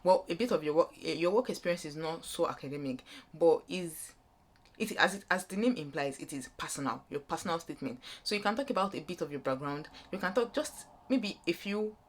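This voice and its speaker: A young vlogger with a Nigerian accent speaks briskly and animatedly in a fairly low pitch. She offers student application advice in an informal, unscripted explainer, rambling and putting her points in new words as she goes.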